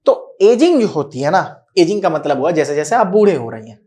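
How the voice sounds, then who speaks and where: A man's voice: fairly high pitch, very animated, a little mellow. Patient male teacher checking understanding. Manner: explains patiently, keeps checking that students follow; repeats key words slowly for emphasis. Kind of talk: recorded classroom-style lecture.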